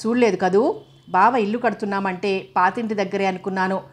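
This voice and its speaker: A woman's voice: mid-range voice, steady tone, brisk, close to an everyday voice. Woman doing a chatty village servant. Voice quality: plain dialect, rambling.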